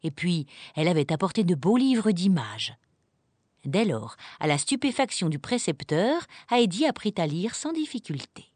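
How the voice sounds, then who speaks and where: A woman narrating a children's storybook, reading in an expressive, animated way. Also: fairly low pitch, normal speed, no room sound.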